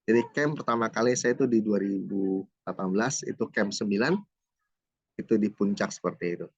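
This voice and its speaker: A husky, lowish male voice talks a little fast over a dry, lo-fi recording. He's a middle-aged certified trainer from Jakarta, Indonesia, appearing as an interview guest to give his personal testimony, which he tells as a story, acting out dialogue and dropping in many "gitu kan" asides.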